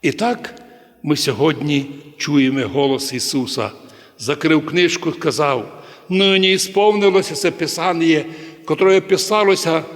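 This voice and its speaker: Archpriest preaching in a cathedral. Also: male voice, a little high. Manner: preaching with sudden loud dramatic cries. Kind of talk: sermon. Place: large cathedral. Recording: long cathedral reverb.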